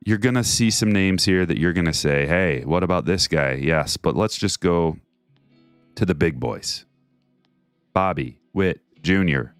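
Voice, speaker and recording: A card break streamer hosts a casual livestream, reading viewer messages aloud and chatting in a jokey way. His deep bass voice is smooth, and there's no echo.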